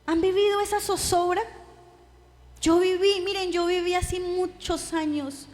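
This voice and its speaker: A woman, preaching a sermon in an animated, playful way and laughing often. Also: very high-pitched, unhurried, big-room sound. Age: 30s. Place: church hall.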